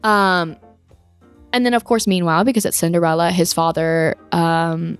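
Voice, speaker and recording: Young female podcast co-host, casual and lively, retells a movie with faint music behind. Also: lowish voice, moderate pace, smooth, no echo. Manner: animated, acts out quotes with laughs. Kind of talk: casual chat retelling a film.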